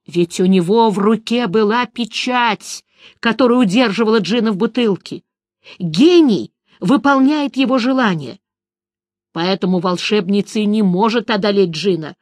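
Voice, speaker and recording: A woman narrating a fantasy audiobook in a steady reading voice. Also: mid-range voice, moderate pace, no room sound, clean studio sound.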